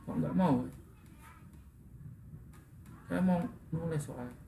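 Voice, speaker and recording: A man with a slightly high, slow, creaky, warm voice teaches an English class, correcting students' pronunciation and asking them questions. The echoey classroom carries faint room noise.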